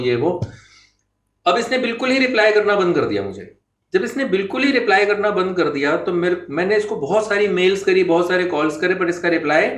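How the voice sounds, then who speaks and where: A man's voice: sits high, fairly bright tone. A man teaching an English grammar lesson in a chatty, playful storytelling way. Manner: chatty, playful storytelling, laughs at own jokes. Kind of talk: classroom-style lesson with stories. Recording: echoey room.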